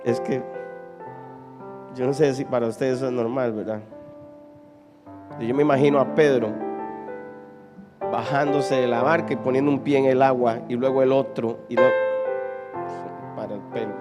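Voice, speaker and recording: A man preaching a sermon as pastor to a live congregation, animated and dramatic, questioning the listeners directly and acting out scenes from the text. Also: mid-range voice, normal speed, long pauses. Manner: animated, dramatic preaching, acts out Bible quotes. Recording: reverberant church hall with keyboard music.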